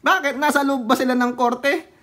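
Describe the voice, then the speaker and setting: High-voiced man giving mocking commentary. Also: steady tone, normal speed, pushed and bright. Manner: mocking, laughs often, polite po fillers. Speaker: political commentary vlogger. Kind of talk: casual political commentary.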